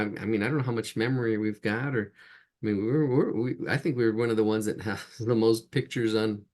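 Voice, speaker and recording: A man's voice: fairly low pitch, darkish tone. A man teaching a live online drawing class, chatty and laughing at his own jokes as he sketches. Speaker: drawing instructor.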